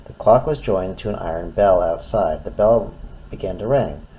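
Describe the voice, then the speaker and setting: A man's voice: deep voice, expressive, moderate pace, mellow. A man reading a children's story aloud expressively, in simple phrases as if to a toddler. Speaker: storytime reader.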